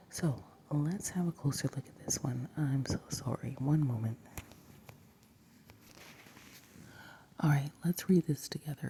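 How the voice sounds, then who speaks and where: A woman gives a whispered Bible teaching in a deep, dark voice with a gravelly fry under the breath. She moves slowly and deliberately, reading each verse and then unpacking it, with a faint hum of room ambience behind her. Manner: soft whisper, slow and deliberate; reads verses aloud and then unpacks them. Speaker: Bible teacher and video host. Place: indoors, early morning.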